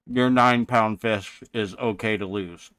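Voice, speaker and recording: A man's voice: on the low side, steady tone, a little slow, a bit bright, clean tone, dry recording. A man hosting a live game stream, coaching other players and joking around. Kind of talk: casual gaming chat.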